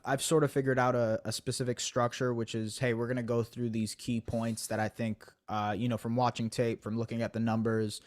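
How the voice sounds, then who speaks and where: A young man in his twenties, a guest on a podcast interview, explaining his ideas thoughtfully with many fillers and restarts. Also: mid-range voice. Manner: thoughtful, self-deprecating, lots of fillers and restarts. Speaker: basketball analyst guest.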